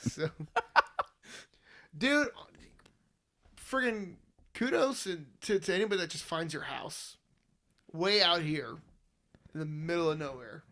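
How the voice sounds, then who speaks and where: A man's voice: fairly high pitch, a bit bright. A young man hosting a casual late-night chat, joking and laughing often, sleepy and yawning. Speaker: podcast host.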